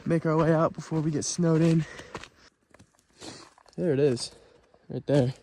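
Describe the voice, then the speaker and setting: A man's voice: fairly high pitch, fairly even intonation, measured pace, dark tone, a little hiss or hum. A man narrating an overnight camping vlog in a casual, informal, understated way. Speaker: vlogger.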